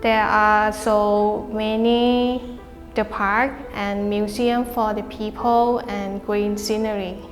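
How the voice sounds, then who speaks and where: Woman, flat, slow, reverberant. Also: mid-range voice, soft background music. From Thailand. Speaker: mixed media artist. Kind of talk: documentary interview. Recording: long hall reverb.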